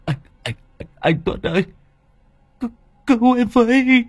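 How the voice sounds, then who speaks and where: A panicked young village man, as a male narrator puts him on, stammering in a high, shaky voice. He pleads in broken, hurried bursts, his pitch swinging wildly. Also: lively intonation, dry recording, exaggerated voice. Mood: terrified.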